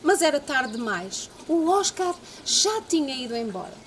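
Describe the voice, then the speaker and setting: A woman with a European Portuguese accent reading a story to children and then teaching a word game, slow, gentle and teacherly. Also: high voice, big pitch swings, a little hiss or hum. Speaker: library storyteller.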